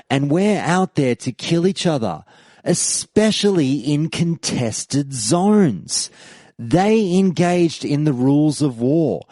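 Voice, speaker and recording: A podcast host delivers a scripted argumentative monologue, reading out forum posts in an emphatic, rhetorical, debate-style manner. His medium-pitched voice is warm, and the recording is dry.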